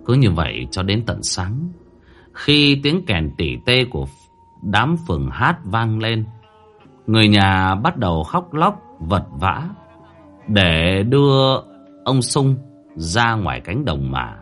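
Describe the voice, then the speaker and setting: A man telling a horror story with a lowish voice that rises and falls dramatically. He slows for tense moments, with faint music playing underneath. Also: big pitch swings, a bit bright.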